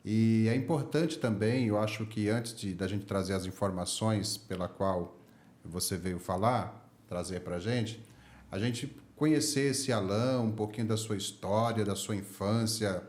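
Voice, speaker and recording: A Brazilian man hosts a podcast interview, chatting casually and warmly and laughing easily with his guest. His voice is fairly low, a little mellow and measured in pace. The room is echoey.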